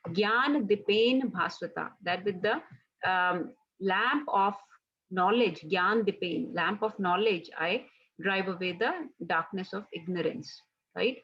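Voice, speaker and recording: Husky-voiced woman teaching a scripture class. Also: fairly low pitch, takes it slowly, a bit bright, dull audio. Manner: conversational, frequent "right?" check-ins. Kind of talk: casual devotional class.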